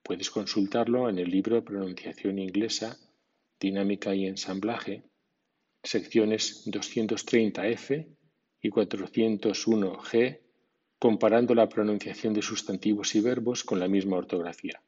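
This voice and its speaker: Slow husky man teaching pronunciation. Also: fairly low pitch, steady tone, darkish tone. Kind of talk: slow, methodical lesson narration reading word lists. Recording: dull lo-fi recording.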